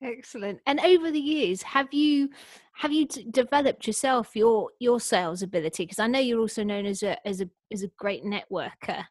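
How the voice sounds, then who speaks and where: A woman's voice: a little high, moderate pace, darkish tone, no echo. A woman hosting a conversational interview, asking questions in an encouraging, agreeable way. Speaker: podcast interviewer.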